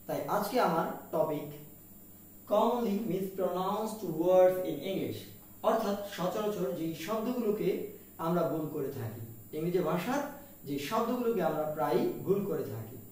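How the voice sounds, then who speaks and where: A man's voice: high voice, animated, a little slow, darkish tone, recorded from a distance. A man running a pronunciation lesson, spelling words out letter by letter and repeating them, asking his listeners what each word is. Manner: mixes Bengali and English, asks "what is it?". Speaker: English teacher. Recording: very echoey room, voice from off-mic.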